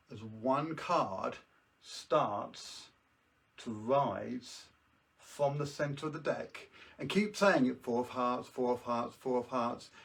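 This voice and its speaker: A man's voice: medium pitch, distant mic. A British man doing jokey kids' party magician patter, presenting tricks on a live show with casual asides to viewers. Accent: British English.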